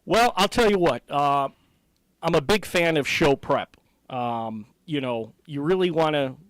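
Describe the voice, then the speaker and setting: A man's voice: on the high side, no room sound, low-quality recording. A middle-aged man with an American accent, a ring announcer answering interview questions conversationally.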